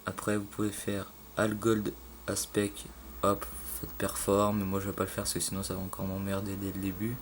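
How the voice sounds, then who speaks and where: Low monotone guy mumbling thru a pc tutorial on his phone, lots of uhs, faint background hum. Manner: halting, many fillers and restarts, loose slang. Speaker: gaming tutorial maker. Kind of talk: casual screen tutorial. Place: indoors at a home computer. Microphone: phone filming a screen. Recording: phone recording with faint room noise.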